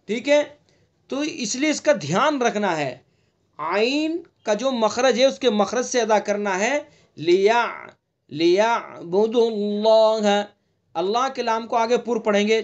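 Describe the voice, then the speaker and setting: Man, high voice, patient recitation teacher, slow drawn-out modeling, dull lo-fi audio. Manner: explains rules slowly, drawing out recited words, checking "theek hai?". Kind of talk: tajweed lesson with recited examples. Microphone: online class recording.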